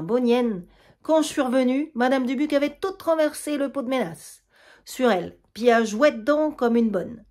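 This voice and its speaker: A woman's voice: on the high side, a little mellow, close to an everyday voice. A woman reading a play aloud, voicing a harried middle-aged housewife who cares for her mother-in-law, with a Quebec French accent and a complaining manner.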